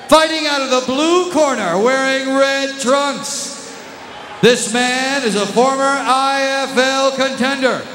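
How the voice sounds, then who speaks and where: A man announces fighters in a showy, drawn-out lucha libre manner. His voice is very high and slow, with stretched names and bilingual flourishes. It rings out over an echoey arena PA with some noise. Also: a bit bright. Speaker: ring announcer.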